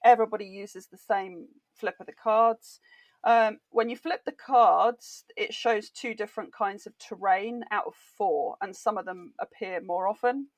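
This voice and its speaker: A woman's voice: mid-range voice, unhurried, dry recording. A British woman, a board game author, chatting enthusiastically as a podcast guest. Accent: British English. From Britain. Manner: enthusiastic, chatty, laughs easily. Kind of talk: casual interview chat.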